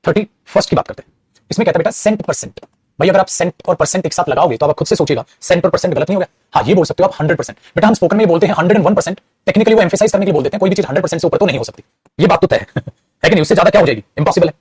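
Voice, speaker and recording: Fast-talking high-voiced male teacher. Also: darkish tone, breathy edge, no room sound. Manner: explains patiently, calls students "beta" (child) often; lectures with moral advice. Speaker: English teacher. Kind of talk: classroom lecture.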